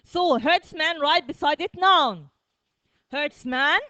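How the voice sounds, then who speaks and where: A woman teaching a primary school vocabulary lesson, repeating words slowly, drilling the class and checking with "okay?" after each point. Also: high voice, animated, sharp tone, no echo, muffled recording.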